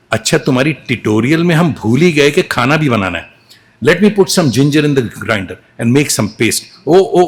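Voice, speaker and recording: A man's voice: mid-range voice, breathy edge. A man playing a devoted, anxious young mother. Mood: apologetic tender. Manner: emotional, tender monologue that shifts to pleading. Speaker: solo stage actor. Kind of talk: solo stage monologue. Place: restaurant event hall in Doha, live performance.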